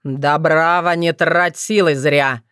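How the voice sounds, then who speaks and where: A woman voicing a fearless, scornful old witch grandmother in a storybook reading, with loud, raised retorts. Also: medium pitch, very animated, unhurried, no echo, studio quality. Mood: defiant.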